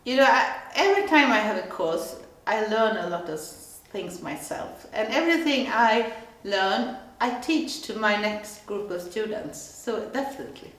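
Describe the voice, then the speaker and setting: A woman teaching a craft course gives halting, reflective interview answers and often restarts her sentences. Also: mid-range voice, expressive, fairly bright tone. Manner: halting, searching for words, restarts. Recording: very echoey room.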